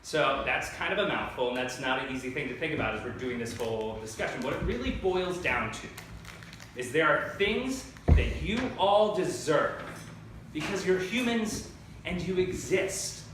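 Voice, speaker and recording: A man in his thirties leading a youth workshop, talking in an energetic, playful, conversational way. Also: fairly high pitch, moderate pace, noisy background. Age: 30s. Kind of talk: lively talk to a youth audience. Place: large echoey hall. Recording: echoey hall recorded from far off.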